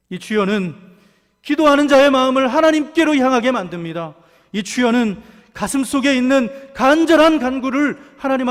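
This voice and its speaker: Pastor, male, high-pitched, fervent sermon delivery with soft-to-loud swings, long sanctuary reverb. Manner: impassioned, swings from hushed to shouted cries. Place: church sanctuary.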